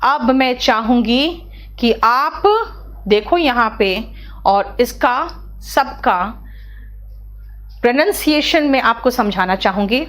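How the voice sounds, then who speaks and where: A woman's voice: fairly high pitch, takes it slowly, long pauses, fairly bright tone. A woman teaching English spelling and pronunciation in Hindi, repeating example words and scolding her students about how they pronounce them.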